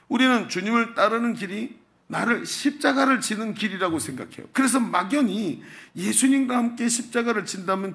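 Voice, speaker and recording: A man's voice: high voice, gravelly, a bit bright. A man who is the senior pastor, preaching a sermon and telling jokes along the way. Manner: jokey dialect humor, then earnest preaching.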